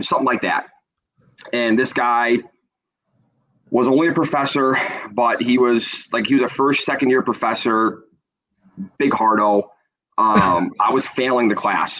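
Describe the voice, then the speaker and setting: A man's voice: mid-range voice, moderate pace, fairly bright tone. An American man as a podcast guest, chatting casually with sarcastic, self-deprecating humour. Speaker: podcast guest, youth hockey coach. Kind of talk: casual anecdote and banter. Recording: slightly dull, lo-fi audio.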